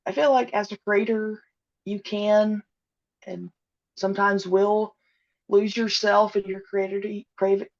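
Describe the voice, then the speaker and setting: A woman who creates an audio drama chats casually as a podcast guest, answering interview questions hesitantly with frequent pauses, ums and uhs. Her voice is mid-range and her tone stays level. The audio is dull and lo-fi.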